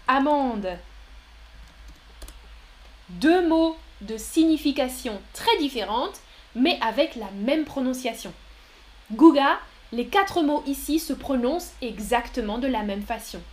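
Woman teacher, high voice, slow careful delivery, patient, encouraging, live-stream lesson. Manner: patient, explains slowly with examples; praises viewers often. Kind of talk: live-stream language lesson answering chat.

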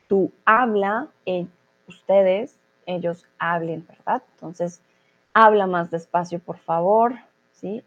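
A woman's voice: lowish voice, darkish tone, lo-fi sound. A woman teaching a Spanish grammar lesson online, explaining patiently and often checking in with her students.

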